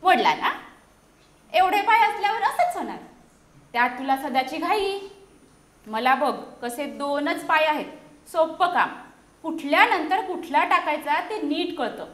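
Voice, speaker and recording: A woman's voice: sits high, expressive, measured pace, a bit bright. A woman voicing a busy little female sparrow in a storybook read-aloud, snappy and dismissive. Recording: echoey room.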